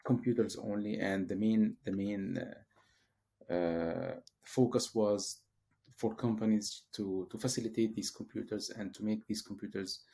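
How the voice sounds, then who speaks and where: A man's voice: fairly low pitch, steady tone, unhurried, creaky, warm tone. A man from Syria, a professor, answering interview questions hesitantly with many fillers and restarts. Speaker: guest, professor.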